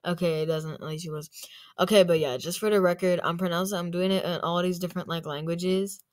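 A woman's voice: lowish voice, fairly even intonation, fairly quick. A young woman giving rambling, chatty commentary in a casual vlog, with plenty of fillers. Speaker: YouTuber.

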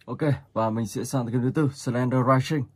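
A man hosting a gaming channel, casually talking viewers through a horror game step by step, with filler pauses. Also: mid-range voice, breathy edge, no room sound, faint music behind. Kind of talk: casual gameplay commentary. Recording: noticeable background noise.

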